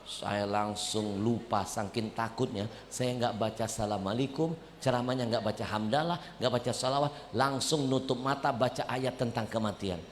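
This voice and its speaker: A male preacher telling a story in a sermon, in an animated, comic way. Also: medium pitch, normal speed, slight background noise. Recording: echoey hall, faint ambience.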